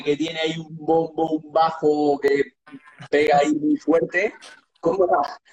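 A man hosting a live online talk, relaxed and casual, reading out viewer comments with many "este" fillers. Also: a little high, slight background noise. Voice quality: husky. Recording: dull, muffled lo-fi audio.

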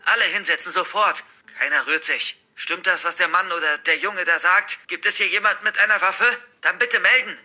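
A panicked woman teacher barking orders at a frightened class, loud and urgent, as a man reading a horror story puts her on. The tone is very bright and sharp over faint music. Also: high voice, moderate pace, few pauses, voice pushed up, heavily acted.

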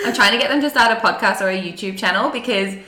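A woman's voice: mid-range voice, fast, heavy background noise. A young woman with an Australian accent, hosting a podcast in a chatty, informal, teasing way. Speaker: podcast host. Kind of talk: casual podcast chat.

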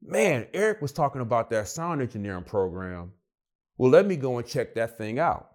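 A young man telling a story in a relaxed interview, his pitch swinging widely as he slips into the voices of the people in it. He talks loosely and animatedly, with a middle-pitched voice. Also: moderate pace. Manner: animated, acts out quoted voices. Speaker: guest. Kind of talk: casual storytelling.

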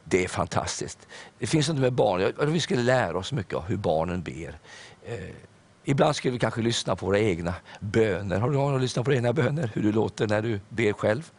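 Older male pastor, lowish voice, sermon delivery, earnest storyteller. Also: expressive. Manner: storytelling, earnest, with filler hesitations.

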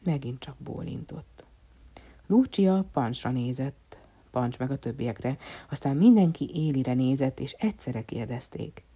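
A woman narrating a children's storybook in a measured, expressive way. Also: extremely low pitch, breathy edge.

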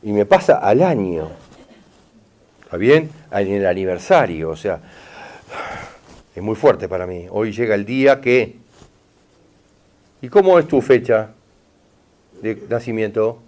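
A man's voice: on the low side, lively intonation, a little slow, long pauses, darkish tone. A middle-aged man with a River Plate Spanish accent, guiding a consultation and repeatedly checking that he is understood. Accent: Rioplatense Spanish. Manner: insistent, repeats "¿está bien?" and "mirá". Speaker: therapist giving a session. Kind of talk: consultation with an audience member.

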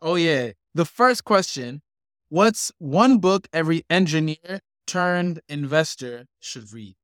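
A man's voice: on the high side, lively intonation, slow, no echo, studio quality. A man hosting a podcast interview, who gives upbeat short reactions and then asks his questions. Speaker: podcast host.

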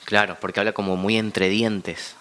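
A man's voice: on the low side, flat delivery, normal speed, a bit bright. A man interviewing his guest for listeners, chatty and agreeable, often answering with "claro". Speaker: radio interviewer. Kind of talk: casual interview chat.

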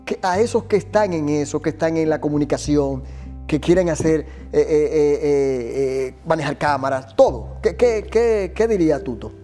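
This is a host with a mellow, fairly high voice who asks his guest questions and shares his own experience. He listens closely and reacts with quick exclamations. Light music plays underneath. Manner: attentive, reacts with short exclamations. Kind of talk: interview conversation.

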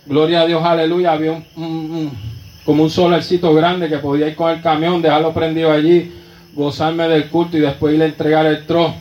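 A man's voice: fairly high pitch, level tone, brisk, a little mellow, echoey room, dull audio. A man with a Puerto Rican Spanish accent preaching a sermon testimony in a church, fervent and constantly breaking into praise. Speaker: pastor.

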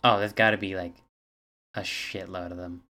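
Man, podcast co-host; very low voice, casual, reads facts with hesitant fillers. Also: little pitch movement, normal speed, sharp tone. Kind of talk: casual chat.

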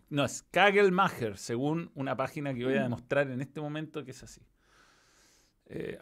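A man with a Chilean accent hosts a football stream, chatting casually and swearing freely while reading out chat messages. His voice sits in the mid range with a fairly bright tone.

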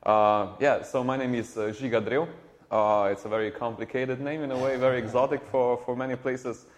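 A man, a startup co-founder answering interview questions in a halting way with many repeated words. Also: mid-range voice, fairly even intonation. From Slovenia. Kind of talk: conversational interview.

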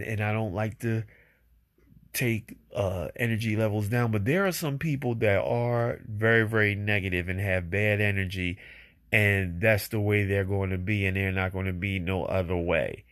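A man's voice: fairly low pitch, measured pace, fairly bright tone. Laid-back man hosting a podcast. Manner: easygoing, rambling, many fillers and repeats. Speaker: podcast host. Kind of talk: casual solo podcast talk between songs.

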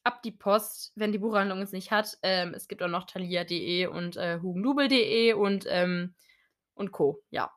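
A woman's voice: mid-range voice, normal speed. Chatty young woman recommending books. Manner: chatty, teasing, many fillers. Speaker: podcast co-host. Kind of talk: casual book chat.

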